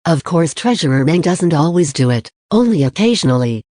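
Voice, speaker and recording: An audiobook narrator reads in a steady, plain storytelling manner. The tone is dark and warm. The sound is close and dry, with no room echo. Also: mid-range voice, brisk.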